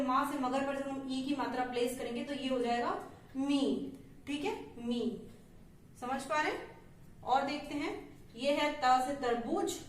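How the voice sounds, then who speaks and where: A woman teacher patiently explaining letter sounds to small children, stretching out syllables slowly and checking in often. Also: high-pitched, slight background noise. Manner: patient, slow, drawn-out syllables with frequent "theek hai". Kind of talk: Hindi phonics lesson for young children. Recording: echoey room, mic at a distance.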